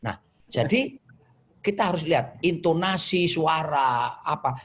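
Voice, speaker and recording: A man, a pastor, answering live questions about marriage conflict in a lively, storytelling way, acting out quarrels and quoting scripture. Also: a little high, measured pace, breathy edge. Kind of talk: answering questions in an online session.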